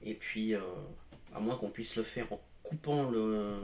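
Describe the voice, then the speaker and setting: A man's voice: lowish voice, unhurried, a little mellow, echoey room, a little hiss or hum. A man giving a casual product demo at home as a tech reviewer, talking with many hesitations and fillers.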